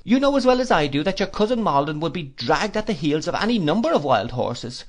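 A man reading an audiobook, voicing a pompous, gushing older woman in a high, theatrical voice. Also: very animated, a little fast. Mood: insistent.

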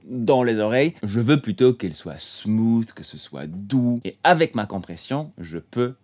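A man teaching audio mixing in a relaxed tutorial style, often dropping a quick "hop" as he demonstrates. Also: lowish voice. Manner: relaxed explaining, frequent "hop" interjections. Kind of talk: tutorial explanation.

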